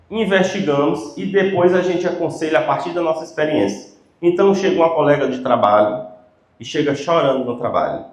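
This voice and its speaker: A man giving a conversational lecture to teachers, often asking the audience rhetorical questions. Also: fairly high pitch. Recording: roomy hall sound.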